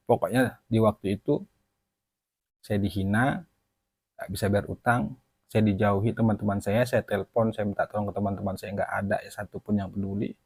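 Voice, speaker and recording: A man giving an emotional personal testimony to his viewers, talking haltingly and apologizing for stumbling over his words. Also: on the low side, warm tone, dry recording. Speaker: channel host.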